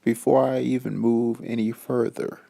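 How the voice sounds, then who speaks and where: A man's voice: medium pitch, flat delivery, moderate pace, creaky, dark tone, no room sound. A man with a groggy morning voice, hosting a casual, slangy reaction commentary on videos. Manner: laid-back slangy chat.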